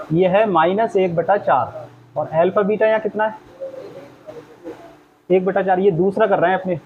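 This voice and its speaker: High-pitched guy teaching math to a class, keeps asking them questions, bit of room noise. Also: highs cut off. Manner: explains steps aloud, quizzes the class with questions. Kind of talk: classroom lesson.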